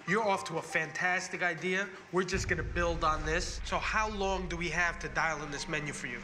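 A man's voice: on the high side, steady tone, normal speed, sharp tone, slight background noise. A man in his forties hosting a restaurant makeover show, narrating and chatting in a direct, upbeat way. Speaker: restaurant consultant and show host. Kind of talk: reality TV narration and casual chat. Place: small bright café dining room. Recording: music bed under the talk.

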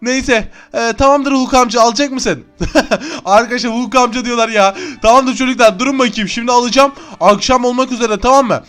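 Excitable young man playing a game. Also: extremely high pitch, brisk. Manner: excitable, chatty, often yells and laughs. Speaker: gaming YouTuber. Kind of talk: Minecraft let's-play commentary.

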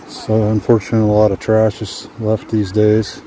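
A man from Washington State narrates his hike in a low, mellow voice, wandering from thought to thought with plenty of "uh"s. He talks as he walks outdoors along old train tracks, with faint ambient noise around him. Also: normal speed. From Washington State, USA. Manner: relaxed, rambling, with frequent "uh" fillers; talks while walking outdoors. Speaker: adventure vlogger. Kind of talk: casual hiking vlog commentary. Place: outdoors on abandoned railway tracks.

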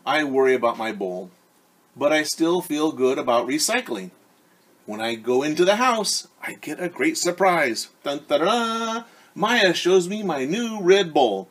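A man in his forties, acting as a teacher, reads a storybook aloud to young children in a home living room, speaking right to them and repeating key words. His voice is fairly high and fairly bright, with a slightly rough edge.

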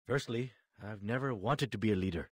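A man voicing a husky, reluctant leader. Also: on the low side, a little fast, dry recording, close to an everyday voice. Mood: weary. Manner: dry, self-deprecating delivery. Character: reluctant male leader, self-doubting, wry. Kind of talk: game voice acting.

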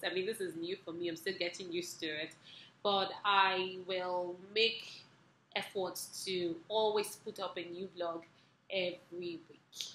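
Brief: young woman vlogger, bright voice pitched a bit low, chatty and expressive, roomy echo. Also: slight background noise. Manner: chatty and expressive, recounting with emotion and laughter. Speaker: vlog host. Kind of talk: casual personal vlog storytelling. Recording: roomy echoey room.

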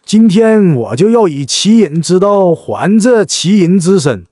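A man's voice: sits high, big pitch swings, measured pace, dark tone. A man teasing his wife in scripted comic banter, talking with his mouth full of bun. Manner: teasing, gloating. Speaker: husband in a couple's eating video.

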